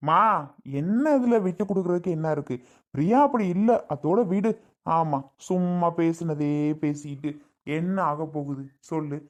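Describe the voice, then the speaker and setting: A woman playing a young husband and son who tries to calm his mother and grows irritated with his wife in a family skit. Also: deep voice, moderate pace, natural voice. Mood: placating. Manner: placating, irritated.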